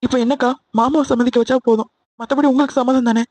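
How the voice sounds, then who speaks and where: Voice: high voice, fairly even intonation, fast, darkish tone, dry recording. A voice actor playing a bold, persuasive younger aunt who pleads and coaxes in a cartoon. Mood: pleading. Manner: coaxing and pleading. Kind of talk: Tamil cartoon voice acting.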